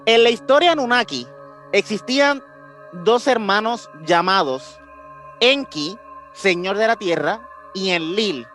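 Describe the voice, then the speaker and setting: Hosting a podcast with music underneath, a Puerto Rican-accented man speaks at a measured pace in an animated voice that sits high and sounds fairly bright. His explanations are informal, slangy, and full of repeated phrases.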